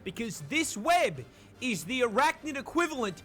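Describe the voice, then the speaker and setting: A woman narrator with a bright, lively voice that moves widely in pitch. She delivers comedic scripted narration in a sweary, exasperated way over faint music. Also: moderate pace. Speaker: video narrator.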